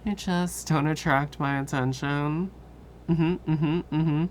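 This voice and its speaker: Tired, low-voiced woman streamer. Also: takes it slowly, slight background noise. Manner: relaxed, drowsy, swears casually, trails off. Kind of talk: casual chat with live viewers.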